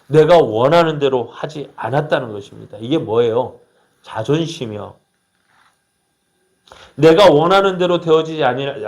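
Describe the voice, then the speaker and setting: A man's voice: mid-range voice, a little mellow. A male pastor preaching a sermon, retelling a story and acting out the quoted speech of its characters while putting questions to the congregation. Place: church.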